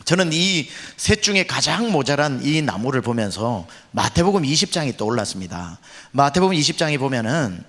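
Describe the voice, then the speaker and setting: A man's voice: medium pitch, very animated, a little fast, few pauses, a bit bright, big-room sound. A male senior pastor delivering a revival sermon, telling a story dramatically and acting out the voices he quotes. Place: church revival meeting.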